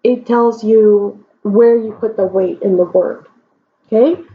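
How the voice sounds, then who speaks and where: Slow, deliberate woman teaching grammar. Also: mid-range voice, steady tone. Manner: slow, deliberate explanations with frequent check-ins. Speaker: Spanish teacher. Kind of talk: whiteboard grammar lesson. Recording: dull lo-fi recording.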